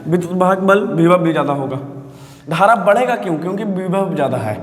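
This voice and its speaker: A man's voice: sits high, expressive, fairly quick. A man teaching physics, often repeating himself and checking the viewers understand, calling them sir. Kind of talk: classroom physics lesson. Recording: echoey room with long reverb.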